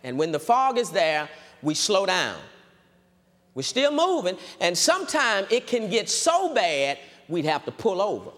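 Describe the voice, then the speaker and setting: Man, pastor, sermon, high voice, very animated delivery, repeats lines for emphasis, echoing hall. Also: a little slow. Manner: preacherly, repeats phrases for emphasis.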